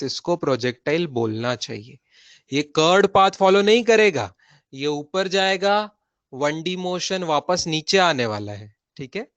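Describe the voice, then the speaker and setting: A male physics teacher with an Indian accent talks slowly and deliberately, his voice sitting a little high. He repeats his key points and keeps checking that his students follow. The sound is dry and close, with no room around it. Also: a bit bright, no echo. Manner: mixes Hindi and English. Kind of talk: online physics lesson.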